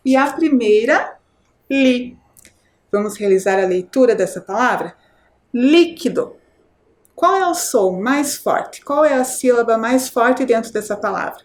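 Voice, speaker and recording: Animated and fairly high-pitched, a woman teacher with a Brazilian Portuguese accent instructs children on a televised program. She works slowly and clearly through each syllable and checks in with questions as a primary school teacher.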